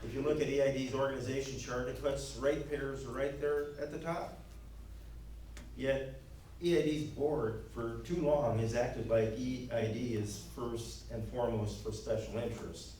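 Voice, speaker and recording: A man's voice: medium pitch, steady tone, normal speed, mellow, recorded from a distance, a little hiss or hum. A man giving an earnest, plain-spoken campaign closing statement at a local forum, with many fillers. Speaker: candidate giving closing remarks. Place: meeting hall. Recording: very echoey hall, from afar.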